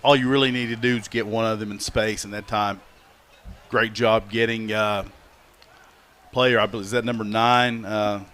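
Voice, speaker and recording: A man with an American accent giving color commentary on a high school football game for local radio, chatty and analytical. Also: fairly even intonation, moderate pace, fairly bright tone, slight background noise. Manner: chatty, analytical, drops to asides. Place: high school football stadium broadcast booth.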